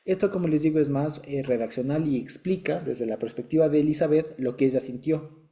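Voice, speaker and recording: A man teaching a Bible study in a relaxed, conversational way, explaining patiently and often checking that his listeners follow. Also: a little high, brisk. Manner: constantly checks understanding with short asides; explanatory and patient, with light chuckles.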